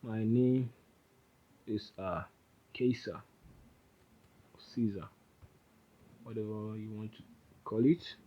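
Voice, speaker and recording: Casual low-voiced man teaching code. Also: steady tone, takes it slowly, long pauses, lo-fi sound. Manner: informal, rambling, self-correcting. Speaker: programming instructor. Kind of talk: casual screen-recorded coding tutorial.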